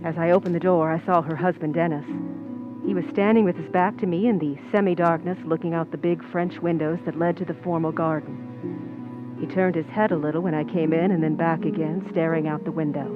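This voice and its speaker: In a community playhouse's old-time radio suspense play, an actress plays a cool, ambitious, scheming young Hollywood stand-in, narrating in first person with hard-boiled, knowing delivery. Her near-everyday voice sits low with fairly even intonation and a brisk pace, over narrow, tinny audio with music in the background.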